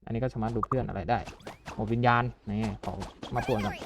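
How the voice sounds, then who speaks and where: A man giving excited commentary on a mobile party game, often calling out and exclaiming. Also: on the low side, fast, vocal fry, noisy background. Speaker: gaming YouTuber. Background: game music.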